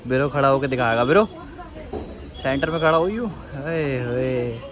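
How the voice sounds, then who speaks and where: Chatting animatedly with his friend, a young Indian man vlogs outdoors at a hillside restaurant and park using a handheld phone. His voice sits in the mid range and moves at a moderate pace, with background noise clearly heard in the recording.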